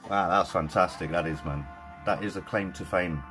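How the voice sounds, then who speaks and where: A man with a British accent hosting a live stream and chatting casually with viewers, excitable and loose-tongued, dropping "mate" and "man" and the odd swear. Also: low voice, moderate pace, soft background music.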